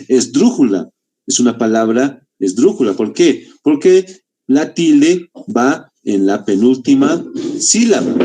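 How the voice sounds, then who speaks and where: Warm and mid-range, this man's voice guides exam applicants through a literature lesson one step at a time. He's from Bolivia, and his deliberate delivery draws out key words slowly while he poses rhetorical questions and leans heavily on tag questions.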